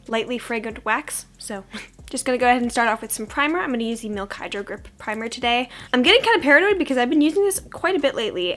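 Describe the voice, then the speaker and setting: A woman's voice: fairly high pitch, fairly bright tone. A young woman with a froggy, under-the-weather voice, chatting casually and self-deprecatingly as a beauty vlogger doing a get-ready-with-me. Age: young adult. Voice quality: froggy, congested sick voice. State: sick with a cold-like hoarseness.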